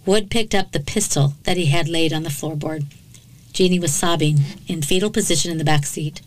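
A woman with a slightly low voice narrates a true crime case in a podcast. Her storytelling is dramatic and measured. She drops in blunt, sarcastic remarks along the way. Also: rough recording.

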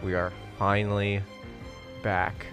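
A man's voice: fairly low pitch, completely flat delivery, slow pace, fairly bright tone, soft background music. Laid-back young man co-hosting a podcast. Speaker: podcast co-host. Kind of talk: casual chat.

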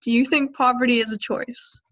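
A woman's voice: fairly high pitch, steady tone, normal speed, a bit bright, dull audio. A woman asking an interview question plainly, heard in a corrupted, glitchy recording that cuts out. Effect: corrupted glitchy audio that cuts out.

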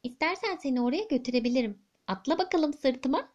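Woman as a bragging giant mouse, high and quick, storybook tale. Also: lively intonation, darkish tone, highs cut off. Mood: helpful. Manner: chatty, brisk, self-assured. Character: giant talking mouse, busy and boastful.

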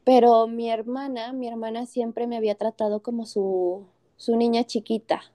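Young Mexican woman, higher mellow voice, heartfelt personal storyteller. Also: level tone, moderate pace. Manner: earnest, heartfelt, with many fillers and restarts. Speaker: speaker telling a personal story.

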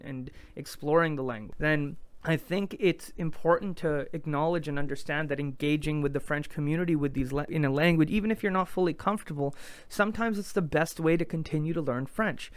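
A man's voice: fairly high pitch, smooth, no room sound. A man hosting a podcast, talking in an earnest, reflective way and often restarting his sentences. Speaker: podcast host. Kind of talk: casual conversation.

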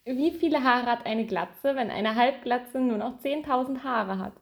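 A woman with a high voice hosts a casual quiz among friends. She is giggly and teasing, and the sound is roomy. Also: a little slow. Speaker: quiz questioner, hairdresser. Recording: roomy, echoey indoor sound.

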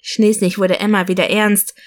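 A woman narrates an audiobook in a steady, even storytelling voice. Her pitch sits in the middle of the usual range. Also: moderate pace.

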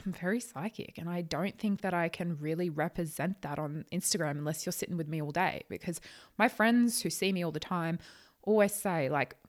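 A woman's voice: fairly low pitch, moderate pace. A woman talking casually on a solo podcast, chatty and a little nervous, stumbling over her words and rephrasing as she goes. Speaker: podcast host, psychic channel.

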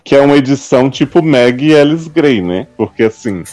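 A man's voice: medium pitch, lively intonation, brisk, darkish tone, dry recording. A man, co-hosting a casual chat and recapping a film in a campy, gossipy, sarcastic way.

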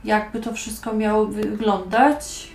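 A woman voicing a young apprentice merchant in a tabletop game, hesitant with many pauses. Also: medium pitch, level tone, creaky, darkish tone. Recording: echoey room, music behind.

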